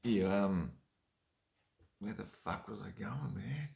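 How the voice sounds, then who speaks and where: A man's voice: on the low side, animated, takes it slowly, creaky, a little mellow, highs cut off. A man on a rambling drunken solo rant, sweary and sarcastic, losing his thread and lurching into sudden emphatic bursts.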